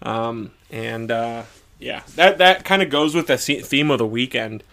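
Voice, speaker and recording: A man's voice: mid-range voice, expressive, a little slow, vocal fry, pushed and bright. A man co-hosting a podcast in casual chat, crude and joking, swearing freely. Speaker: podcast co-host.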